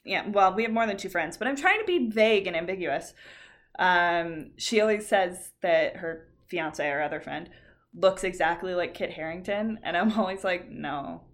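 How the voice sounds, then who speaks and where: A woman of about twenty-nine speaks in a lowish, raspy voice full of vocal fry. She chats casually as a podcast co-host, blunt and free with swearing. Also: animated, moderate pace. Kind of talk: casual chat.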